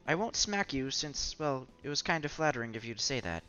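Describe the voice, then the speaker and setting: A man voicing a clumsy, excitable young female teacher who stammers when flustered. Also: mid-range voice, fairly quick. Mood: embarrassed. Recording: slightly dull with music behind.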